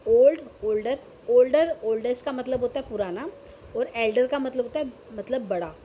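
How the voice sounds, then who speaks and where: A woman's voice: on the high side, normal speed, mellow, a little hiss or hum. A woman with an Indian English accent teaching a grammar lesson, mixing Hindi and English and often checking whether her students have understood.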